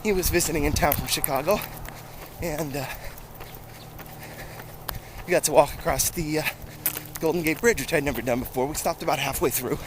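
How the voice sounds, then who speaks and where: A man's voice: a little high, normal speed, pauses often. A man talking casually to his vlog while out running, his voice jogged by the movement. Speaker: running vlogger. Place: outdoors, on the move along roads. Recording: noisy outdoor recording with wind and traffic.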